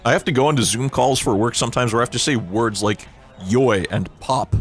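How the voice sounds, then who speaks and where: A man co-hosting a let's play, teasing his friend with sarcastic jokes and quick giggles. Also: medium pitch. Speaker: co-host of a gaming let's play. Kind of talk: casual let's play banter.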